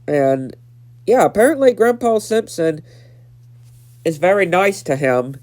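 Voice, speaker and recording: Here the young reviewer, nineteen and congested, sounds high-pitched, expressive and a little slow, with a darkish tone. He goes over the cartoon episode in a relaxed way, circling back on points and filling gaps often.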